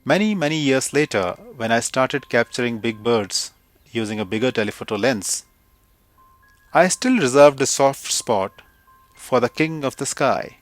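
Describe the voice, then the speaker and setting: A man tells a story in a slow, deliberate, reflective voice at a middle pitch. Soft music plays faintly under his narration. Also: expressive, no room sound. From India, Kumaon Himalayas. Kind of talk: scripted audio story narration.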